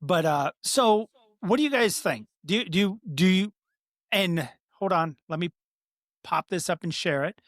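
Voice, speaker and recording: His mid-range voice has lively intonation and an unhurried delivery as he discusses politics in a crude, outspoken, easygoing manner. Because of a speech impediment, every R turns into a W. It's a dry, studio-quality recording.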